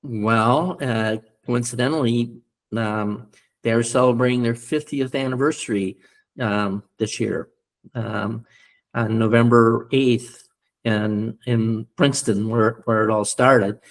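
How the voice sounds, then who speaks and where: Older american guy telling stories, lots of ums and restarts, laughs a bit, normal pitch. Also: fairly even intonation, slow. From United States. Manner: rambling, many fillers and restarts, chuckles while recalling. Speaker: podcast guest, former rugby player and coach. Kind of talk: casual interview storytelling.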